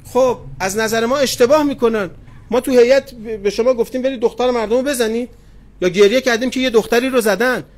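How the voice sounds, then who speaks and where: A middle-aged man preaching as a cleric, retelling anecdotes with quoted dialogue and tenderly addressing his listeners. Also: very high-pitched. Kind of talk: sermon with storytelling. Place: religious gathering hall.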